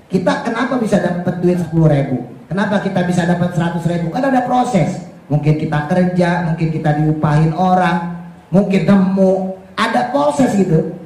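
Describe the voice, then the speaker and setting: A man preaching a casual, lively sermon, acting out dialogue with playful humor. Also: sits high, moderate pace. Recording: very echoey room with faint noise.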